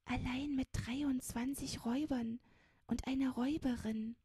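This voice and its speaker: A small, thin child whispers anxiously in a storybook audiobook, voiced by a woman. The voice sits high and breathy, hushed and trembling with worry. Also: steady tone, measured pace, dry recording, exaggerated voice. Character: small thin frightened child, tender-hearted.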